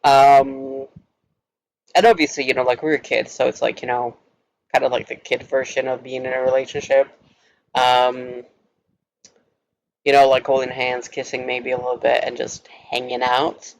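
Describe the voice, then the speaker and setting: Giggly young man with a gravelly voice. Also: medium pitch, flat delivery, normal speed, long pauses, low-quality recording. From Norway. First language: Norwegian. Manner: giggly, rambling, heavy on filler words. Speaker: vlogger. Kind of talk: casual storytime monologue.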